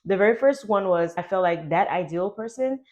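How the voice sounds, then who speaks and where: A young adult woman telling a personal story to her vlog audience in a chatty, animated way, full of "like". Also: medium pitch, brisk. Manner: chatty, animated, heavy use of "like". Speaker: YouTuber.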